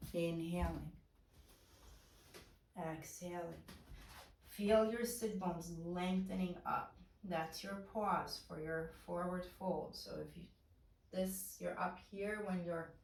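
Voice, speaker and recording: A woman teaching a guided chair yoga class, giving slow, soft-spoken breath cues. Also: on the low side, distant mic, slight background noise. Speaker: yoga instructor. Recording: roomy echo, voice away from mic.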